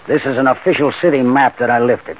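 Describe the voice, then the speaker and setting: A male actor plays Marty, a confident, scheming crook who masterminds bank jobs, in a 1940s radio crime drama. His medium-pitched voice stays steady and brisk with light acting as he instructs and persuades in assured, tough-guy slang. The old-time radio recording is muffled, with hiss in the background.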